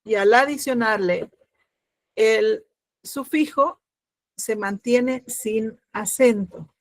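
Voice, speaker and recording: Slow, patient woman teacher, dry sound. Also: fairly high pitch, no echo. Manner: patient, explanatory, checks understanding with "¿listo?" and many fillers. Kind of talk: online grammar lesson.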